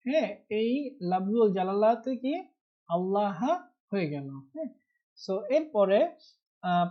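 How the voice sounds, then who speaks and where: A man teaching Arabic grammar in a live online class, explaining patiently and stressing key words. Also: high voice. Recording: muffled online class audio.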